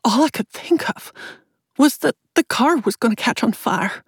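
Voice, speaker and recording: Woman narrator doing a shaken crash victim, young, tearful, high and urgent, dry storybook read. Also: lively intonation, moderate pace, slightly rough, no room sound. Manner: tearful, pleading. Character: frightened injured young woman after a car crash.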